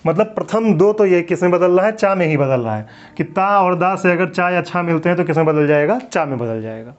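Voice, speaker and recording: A man teaching a Hindi grammar lesson, his voice a bit higher than most. He keeps asking a question and then answering it himself, drawing out the words as he repeats them. The recording sounds dull and lo-fi. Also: lively intonation. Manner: drawn-out repetition of words. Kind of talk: classroom lecture.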